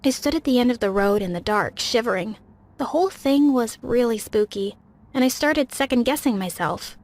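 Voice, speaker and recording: A young woman giving scripted first-person narration of an animated story, with a dramatic, emotional delivery. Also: on the high side, moderate pace.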